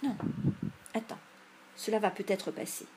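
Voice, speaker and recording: A whiny boy from a storybook groans and complains as if he were gravely ill, as a woman reads him. His voice sits at an everyday pitch, plaintive and drawn out, with a faint hiss behind it. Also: unhurried, a little mellow, lightly acted. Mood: whimpering.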